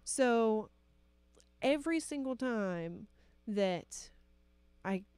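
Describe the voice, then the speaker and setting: A woman's voice: on the high side, animated, extremely slow, darkish tone, clear, resonant tone, no echo. A woman co-hosting a casual talk show, laughing often and speaking frankly. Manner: laughs often, talks frankly with mild swearing. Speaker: podcast co-host. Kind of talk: casual chat.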